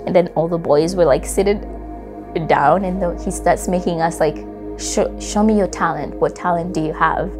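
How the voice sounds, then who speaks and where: A woman's voice: fairly low pitch, normal speed. A young woman from Congo telling a personal story in an interview, reflective and loose, with many fillers. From Democratic Republic of Congo. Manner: reflective, with frequent fillers and soft laughs. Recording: music playing underneath.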